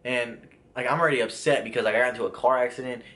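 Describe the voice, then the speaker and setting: A man's voice: medium pitch, fairly even intonation, racing, fairly bright tone. A young man casually telling a personal story, rambling with restarts and lots of filler words. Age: young adult. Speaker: vlogger.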